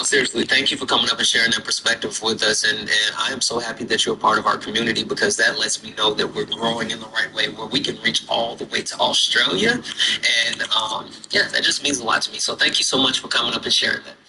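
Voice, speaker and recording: Halting male livestream host, noisy room. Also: on the low side, steady tone. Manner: halting, lots of ums and restarts. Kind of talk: casual livestream chat.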